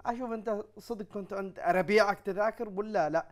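A man playing a blustering, middle-aged father who curses quickly and talks loudly in exasperation, in a comedy sketch. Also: sits high, close to an everyday voice. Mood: scolding. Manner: loud, exasperated, rapid cursing. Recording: music playing behind the voice.

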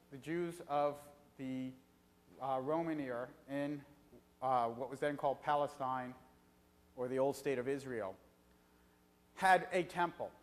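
A middle-aged man delivers an evening lecture in an easygoing, conversational way, often pausing on fillers as he gathers his thoughts. His voice sits a little high for a man, and a long hall reverb trails each phrase. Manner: conversational, frequent filler pauses.

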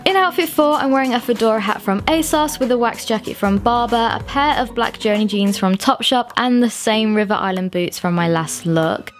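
A woman's voice: a little high, moderate pace, hardly any pauses. A woman in her twenties, a fashion vlogger giving friendly, upbeat voice-over tips on outfits. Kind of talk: scripted lookbook voice-over. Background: faint music.

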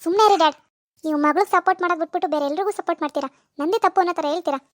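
A woman's voice: very high voice, very fast, no echo. A woman voicing a spiteful, jealous young wife in a cartoon, whiny and scheming. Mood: snappy. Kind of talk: cartoon voice acting.

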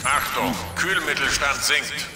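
Calm male station computer, voiced by a man, even alert announcements, game dub. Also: fairly high pitch, unhurried, close to an everyday voice. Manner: even, matter-of-fact announcements. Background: loud game music.

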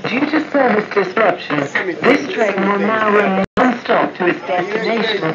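A woman's recorded train announcement played over a loudspeaker, delivered in a calm, even and formal way. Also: mid-range voice, unhurried. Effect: train tannoy announcement played over a loudspeaker. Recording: muffled loudspeaker with loud crowd.

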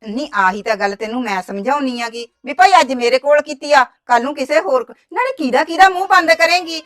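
In village drama dialogue, a woman voices a nosy gossip who coaxes and wheedles while reporting other people's words. She speaks briskly in a high-pitched, slightly bright voice.

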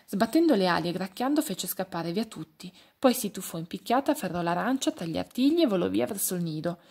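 Husky-voiced woman reading a fairy tale. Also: mid-range voice, fairly quick. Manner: expressive, addresses young listeners. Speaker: children's story reader. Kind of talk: storybook reading aloud.

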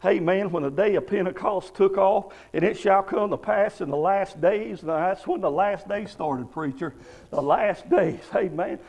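Fiery gravelly preacher man. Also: high voice, a little mellow. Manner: punctuates every phrase with "amen", rapid and fiery. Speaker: visiting prison preacher and missionary. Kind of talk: revival-style sermon.

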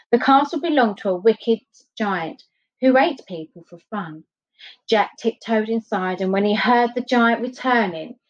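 Brief: woman storyteller, mid pitch, expressive bedtime reading, lo-fi muffled sound. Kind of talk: reading a children's story aloud. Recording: dull lo-fi recording.

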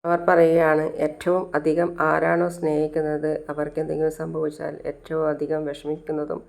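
Low, flat-voiced woman retelling a story. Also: normal speed, gravelly. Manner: steady recounting, voicing each character's quoted words in her own voice. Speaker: storyteller retelling a TV serial episode. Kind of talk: casual spoken retelling.

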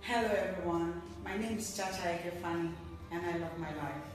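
A woman speaks in a lowish voice, composed and formal, as if addressing the public. She sounds far from the mic in a very echoey space, and loud music plays behind her. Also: a little fast. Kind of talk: video message to the public. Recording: distant echoey clip with music.

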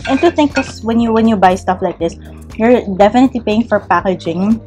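Low-voiced Filipino woman chatting while eating. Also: a little fast. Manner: talking between bites while eating; mixes Tagalog into English. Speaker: food review host. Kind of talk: casual food review chat. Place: outdoor patio table. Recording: music and clinking dishes behind.

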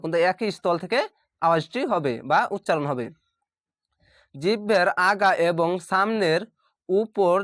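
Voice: mid-range voice, fairly bright tone, no room sound. Pronunciation tutor facing the camera, mid-range voice, patient and repetitive, dry room. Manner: patient, explains slowly and repeats each sound aloud. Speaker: Quran pronunciation teacher. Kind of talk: step-by-step pronunciation lesson.

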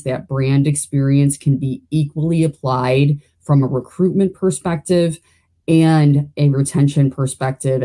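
A woman's voice: very deep voice, warm tone. A woman guest talking casually and upbeat about her organization's sessions. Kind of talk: casual chat.

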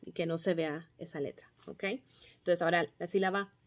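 A woman teacher patiently explaining phonics drills and sounding out syllables and letter sounds clearly. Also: lowish voice, steady tone, normal speed, a little mellow. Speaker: kindergarten teacher.

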